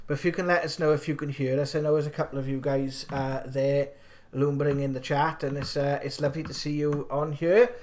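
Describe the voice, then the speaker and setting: Male co-host, South Wales accent, slightly raised pitch, casual and halting live-stream delivery that leans on repetition. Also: flat delivery, a little mellow.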